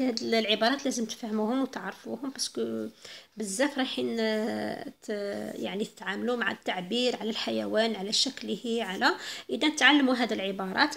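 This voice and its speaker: A woman with an Algerian accent giving a recorded French lesson to primary pupils, explaining in Arabic and reading the French slowly. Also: fairly high pitch, creaky, a bit bright. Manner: mixes Arabic and French, slows down for French phrases. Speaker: French teacher.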